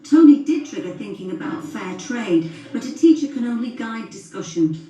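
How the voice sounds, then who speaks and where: A woman giving calm, measured scripted narration for a documentary. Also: on the high side, heavy reverb, recorded from a distance, poor audio.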